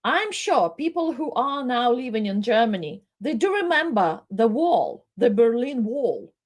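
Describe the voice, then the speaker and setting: A middle-aged woman from the Soviet Union presenting live commentary, speaking with emotion and pausing and repeating words as she goes. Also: a little high, big pitch swings.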